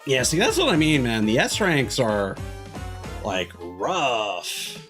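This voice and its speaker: Over video game music, a man with a mid-range, fairly bright voice streams his gameplay, speaking slowly but very animatedly. His casual live commentary rambles and explains, often stopping partway through a thought.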